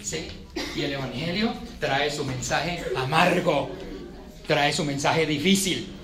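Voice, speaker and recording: A man's voice: fairly high pitch, slow, a crowd in the background. A man preaching a sermon in a church, emphatic and conversational with touches of humor.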